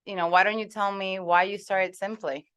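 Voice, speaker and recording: A woman moderating a panel discussion, speaking with frequent fillers and pauses. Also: medium pitch, fairly even intonation, fairly bright tone, clean tone. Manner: many fillers, thoughtful pauses. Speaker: policy fellow and moderator.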